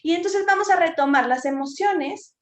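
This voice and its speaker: A psychotherapist with an extremely high-pitched female voice gives an informal talk to parents at a moderate pace. She keeps it conversational, often checking in with tag questions, and the room sounds echoey.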